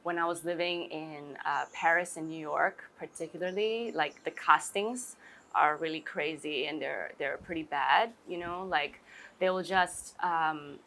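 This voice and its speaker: Interviewed outdoors beside a pool, a chatty Singaporean woman in her twenties talks casually, often saying "like" and "you know" as her sentences wander. Her voice sits somewhat low and sounds pushed and bright, and her pace is a little slow.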